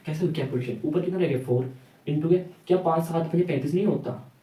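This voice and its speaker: A male teacher walks through a math lesson at a brisk clip, firing questions at students and answering them himself. His voice sits a little high but sounds dark and mellow. It is recorded from some distance in an echoey room. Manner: rhetorical questions answered himself, repeats "ठीक है".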